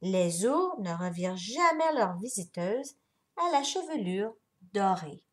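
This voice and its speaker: A woman reading a children's story aloud in an expressive, unhurried way. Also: medium pitch. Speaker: story reader.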